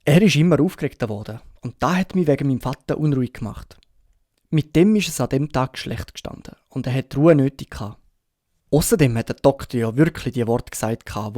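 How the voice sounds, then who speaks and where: A Swiss German man narrating a classic novel as an audiobook, with steady storytelling. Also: medium pitch, dry recording, clean studio sound. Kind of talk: scripted narration.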